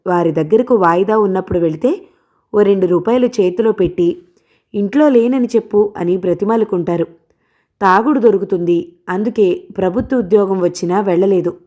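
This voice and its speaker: A woman narrating a novel as an audiobook reader, in a steady, plain reading voice. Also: mid-range voice, a little fast. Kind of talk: storytelling narration.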